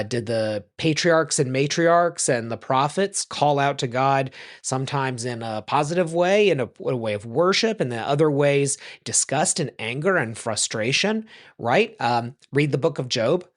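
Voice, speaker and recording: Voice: medium pitch, animated, moderate pace. A rabbi giving an informal class, talking loosely and correcting themself often. Tells a joke, then stops to explain it, with lots of filler words between the points. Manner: loose and chatty, many ums and self-corrections; tells jokes and explains them. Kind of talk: casual teaching talk.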